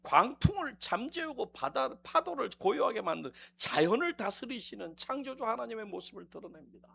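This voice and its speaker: A man preaching a sermon in a church, acting out quotes with sudden shouts and teasing the congregation between quiet asides. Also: very high voice, moderate pace, creaky, slight background noise. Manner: animated, acts out quotes with shouts and mock dialogue. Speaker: district officer preaching a visiting sermon. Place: church sanctuary.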